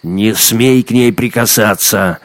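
A man voicing a brutal, gloating young male hunter who shouts and mocks in a storybook reading. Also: low-pitched, animated, measured pace, creaky, dry recording, full character voice. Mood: menacing. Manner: shouting, menacing, mocking. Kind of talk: audiobook character acting.

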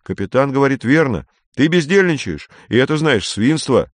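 A man's voice: mid-range voice, lively intonation, normal speed, no room sound, pitched above the performer's own voice, natural voice. A man voicing Lin, a heavy, good-natured boy who talks hesitantly and pleads with his friends. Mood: pleading. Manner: hesitant, pleading, then stern.

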